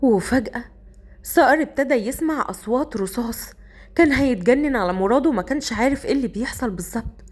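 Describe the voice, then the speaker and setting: Egyptian woman storyteller, fairly high voice, dramatic narration. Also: expressive, quick pace, slight background noise.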